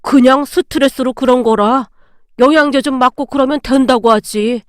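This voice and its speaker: Brief: a woman playing a blunt, lowered-voice older man for a storybook drama, scolding, dry close sound. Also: moderate pace, no echo, close to an everyday voice. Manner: blunt, reproachful. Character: gruff older man, scolding father-in-law.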